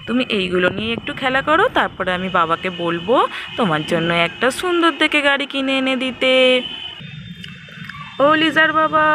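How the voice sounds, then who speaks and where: A woman's voice: high voice, lightly acted. A woman doing a nagging mother doll. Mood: soothing. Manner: nagging, scolding. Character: scolding mother doll, fed-up housewife. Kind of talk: doll story voice acting. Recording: noisy home recording.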